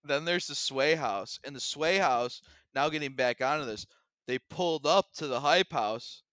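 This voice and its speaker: A young man on a podcast, talking in a bright, clean voice with a dry, close sound. He chats casually and gets animated, sometimes putting on mocking rants. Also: a little high, moderate pace, no room sound. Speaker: podcast co-host. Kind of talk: casual chat.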